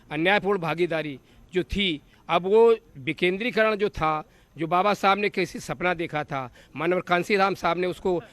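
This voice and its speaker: A man's voice: high-pitched, fairly bright tone. A man, a legislator, answering a reporter in a speech-like, rhetorical way. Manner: rhetorical, listing slogans. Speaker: politician, legislator.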